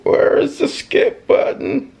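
A middle-aged man giving casual gameplay commentary into a headset mic, breaking into excited shouts and yelps. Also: slow pace. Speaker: gaming YouTuber. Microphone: gaming headset.

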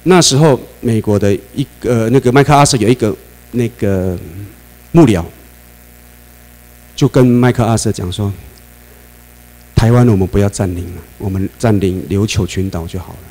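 A man's voice: fairly low pitch, moderate pace, rough recording. Man lecturing with Taiwanese Mandarin accent. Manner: animated, asks the class questions, laughs often. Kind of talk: classroom lecture. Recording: mains hum under the voice.

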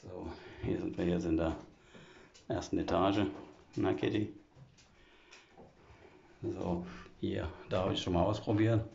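A man's voice: low-pitched, steady tone, slow, creaky, long pauses, a little mellow, dull audio, slight background noise. A man chatting casually as he walks through his old half-timbered house with a phone camera, explaining things step by step with lots of fillers. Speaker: vlogger giving a home tour. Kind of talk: casual walkthrough chat. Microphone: phone camera held while walking.

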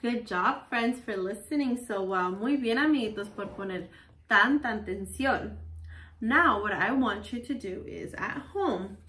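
A woman teaching children in a bilingual lesson, repeating each word slowly in a sing-song way. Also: on the high side, a bit bright, roomy sound, recorded from a distance. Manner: slow, sing-song repetition of words for children.

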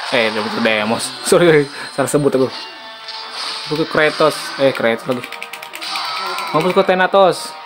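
Excitable Indonesian man doing game commentary. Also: medium pitch, normal speed, rough recording. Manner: excitable, chatty, slipping between Indonesian and English. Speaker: gaming video host. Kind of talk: casual gameplay commentary. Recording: game music behind the voice. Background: video game soundtrack.

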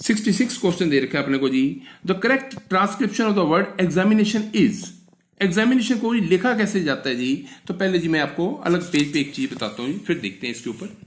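A man's voice: fairly high pitch, animated, fast talker, few pauses, roomy sound, slight background noise. A male teacher in an exam-prep lesson. He asks questions and answers them himself, and he keeps addressing the students with a polite "ji". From northern India.

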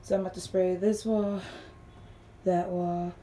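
Filming on a phone as she walks through a small travel trailer under renovation, a young woman vlogger casually chats to viewers, calling them "y'all" and at times whispering. Her fairly low voice keeps a level tone and a measured pace. Sanding noise runs through the noisy phone recording.

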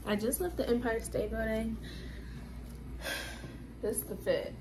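A young woman talks straight into her phone camera, rambling and chatty, and keeps circling back with fillers. The recording is rough, with clear background noise under her voice. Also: a little high, steady tone, slow pace. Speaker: vlogger. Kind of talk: casual vlog chat.

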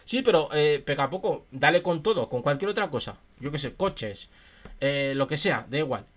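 Reading philosophy aloud on a relaxed livestream, a man speaks at normal speed in a voice on the high side, lively in intonation and a bit bright. He follows the passages with chatty, questioning musings alongside his chat.

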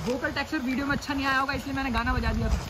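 A young man hosting a travel vlog outdoors, talking excitedly and playfully to viewers. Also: very high-pitched, racing. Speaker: travel vlogger. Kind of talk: casual outdoor vlog chat. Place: outdoors by a waterfall. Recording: outdoor waterfall noise.

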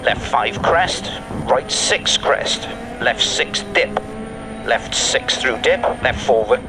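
A man playing a focused rally co-driver in a racing game, calling rapid pace notes in clipped, urgent bursts. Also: mid-range voice, sing-song, noisy background. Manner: clipped, urgent short calls. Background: loud rally car engine.

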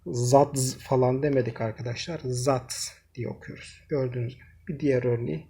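A man's voice: medium pitch, fairly even intonation, fast, mellow, breathy edge. A man teaching a language lesson, explaining pronunciation rules step by step and speaking directly to his viewers. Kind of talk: screen-recorded language lesson.

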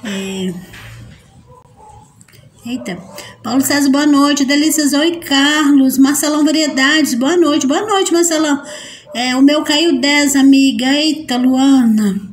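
A woman's voice: high-pitched, measured pace, a little hiss or hum. A woman hosting a casual live stream, chatty and affectionate, greeting viewers by name and laughing often. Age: adult mother. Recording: roomy echo.

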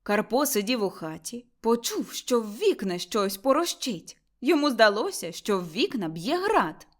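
Expressive woman narrating an audiobook. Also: fairly high pitch, moderate pace. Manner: expressive storytelling. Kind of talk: scripted narration.

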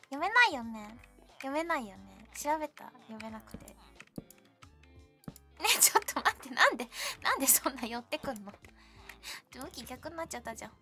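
Young woman gaming stream, teasy chatty, swoopy lively voice. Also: high-pitched, normal speed, vocal fry, pauses often. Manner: chatty, teasing, playful with viewers. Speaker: VTuber streamer. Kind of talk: casual game stream chat. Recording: faint music behind voice.

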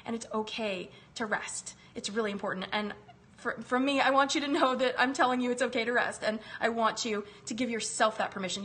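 This wellness live-stream host, a woman in her thirties, has a slightly high, slightly bright voice. Recovering from a chest virus, she chats from her home kitchen and greets viewers by name, captured close up on a phone camera.

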